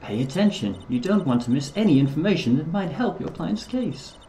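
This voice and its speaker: Man reading as a calm woman mentor lawyer. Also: fairly high pitch, brisk, echoey room, slight background noise, pitched above the performer's own voice. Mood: advising.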